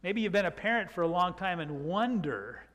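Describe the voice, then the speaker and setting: An elderly pastor's high, animated, slightly bright voice fills the sanctuary as he gives a reflective sermon. Unhurried, he draws out words for emphasis. A pulpit microphone records him, and the church reverb is long.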